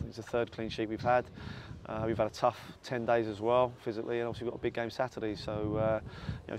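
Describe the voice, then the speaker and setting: A low, flat-voiced man, rattling through a post-match interview on a lapel mic. He talks fast, doubling words and scattering fillers, with loud wind and stadium noise behind him. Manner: fast, repetitive, filler-heavy talk. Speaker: football manager. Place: outdoor stadium stands at night. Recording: noisy outdoor windy stadium.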